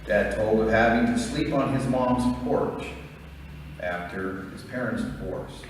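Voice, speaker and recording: A middle-aged American man delivers a prepared eulogy as a son, in a solemn, measured storytelling manner. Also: on the low side. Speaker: son giving a eulogy for his father. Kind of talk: prepared memorial speech. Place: large reverberant room. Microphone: distant microphone. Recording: echoey hall, distant mic, faint noise.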